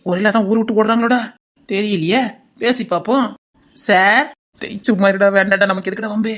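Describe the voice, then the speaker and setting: A woman's voice: mid-range voice, brisk, a bit bright. A woman with a Tirunelveli accent performing a comic sketch, chattering nosily and teasing like a gossiping bus passenger. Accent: Tirunelveli Tamil. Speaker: sketch comedian.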